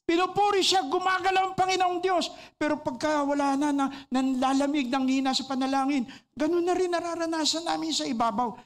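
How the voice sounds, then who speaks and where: High-voiced Filipino preacher. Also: brisk. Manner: switches between English and Filipino, asks the listeners rhetorical questions; preaches with lively emphasis, stressing key words. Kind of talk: radio sermon.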